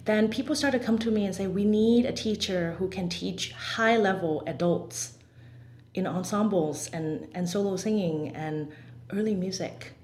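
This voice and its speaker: A woman from Hong Kong, a singer and composer, talking as a guest in an interview with quick bursts and restarts. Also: medium pitch, darkish tone. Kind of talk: interview conversation. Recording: roomy echo.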